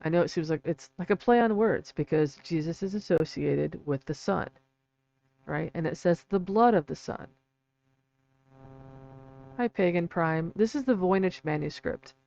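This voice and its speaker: A man with vocal fry giving a casual, halting livestream explanation, often checking in with a quick "right?" or "okay". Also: on the high side, darkish tone. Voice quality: vocal fry from an old vocal cord injury. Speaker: livestream host and researcher. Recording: dull lo-fi mic with faint hum.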